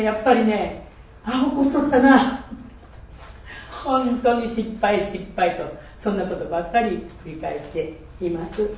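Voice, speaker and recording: Earnest older woman in her 60s, sharing her faith, soft mellow voice, far off the mic in a big echoey church, faint hiss. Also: mid-range voice. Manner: earnest, reflective, quotes scripture, laughs at herself. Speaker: church member giving testimony. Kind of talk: personal faith testimony. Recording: echoey and distant, dull with faint noise.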